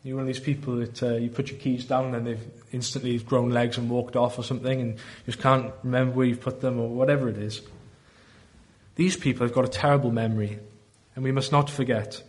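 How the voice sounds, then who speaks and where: A man with a Welsh Valleys accent preaching a sermon in an earnest, deliberate way, often posing rhetorical questions. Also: medium pitch, little pitch movement. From South Wales valleys.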